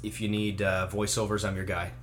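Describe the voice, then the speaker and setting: A young man from Canada chatting as a guest on a talk show, easygoing and joking, with lots of fillers and pauses. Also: fairly low pitch, little pitch movement, a bit bright, a little hiss or hum. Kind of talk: casual chat.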